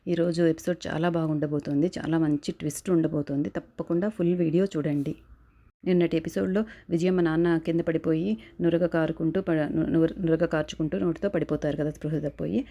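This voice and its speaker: A woman with a low, flat voice races through an episode recap, catching her own slips and restarting mid-phrase. Her tone is dark and mellow. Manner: hurried retelling with frequent self-corrections and restarts. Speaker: serial reviewer. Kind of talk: fast episode recap narration.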